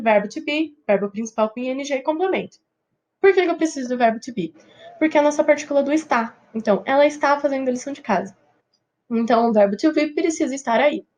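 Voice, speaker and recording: A Brazilian woman teacher walks through grammar rules step by step in a recorded lesson. Her voice sits a little high for a woman. She keeps pausing to check that her students are following. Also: darkish tone. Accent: Brazilian Portuguese. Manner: patient explaining, checks in with students often. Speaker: English teacher.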